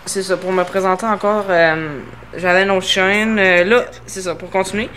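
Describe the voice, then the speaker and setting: A man's voice: sits high, fairly even intonation, moderate pace, fairly bright tone, a little hiss or hum. A man from Quebec with a Québécois accent, introducing his gaming channel hesitantly, with many filler sounds, while trying to articulate carefully. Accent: Québécois French. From Quebec, Canada. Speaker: gaming YouTuber. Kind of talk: casual channel introduction over gameplay.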